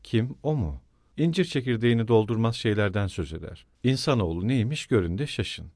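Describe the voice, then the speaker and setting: A man's voice: fairly low pitch, animated, brisk, a little mellow, dry recording, clean studio sound. A man voicing a brooding, eerie, absent-minded middle-aged landowner in an audiobook reading, with a musing, rambling delivery.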